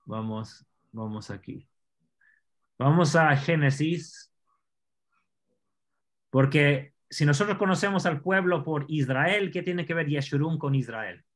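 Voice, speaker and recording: A man teaching an online scripture class, explaining Hebrew words slowly and asking his students questions. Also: on the high side, animated, a bit bright.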